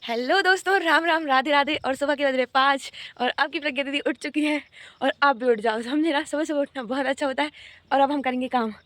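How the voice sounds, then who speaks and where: A woman's voice: sits high, fairly quick, fairly bright tone, no room sound. A young woman chatting playfully in a casual daily vlog, laughing often, recorded outdoors on a handheld phone. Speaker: vlogger. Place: outdoors at home and by a road.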